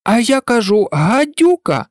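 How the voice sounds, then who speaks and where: A reader voicing a frantic, shrill female pigeon who scolds and shrieks in a storybook recording. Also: big pitch swings, measured pace, no room sound, studio quality. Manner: scolding, indignant, breaking into cries. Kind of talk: audiobook reading.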